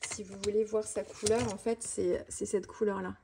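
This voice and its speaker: A woman vlogger chatting fast and casually about her art supplies, with many fillers and restarts. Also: mid-range voice, flat delivery, vocal fry, dark tone, slightly rough. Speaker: mixed-media art vlogger. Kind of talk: casual tutorial chat showing art supplies.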